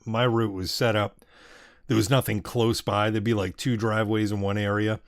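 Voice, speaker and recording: A man's voice: lowish voice, little pitch movement, moderate pace, no echo, clean studio sound. A man co-hosting a podcast, an easygoing storyteller who laughs often and swears. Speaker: podcast co-host. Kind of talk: casual chat.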